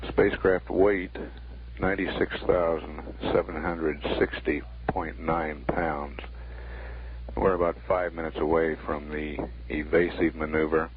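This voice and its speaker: A man giving formal spaceflight status commentary as a mission control announcer, measured, factual and deadpan. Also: extremely low pitch. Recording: narrow 1960s broadcast line, faint noise.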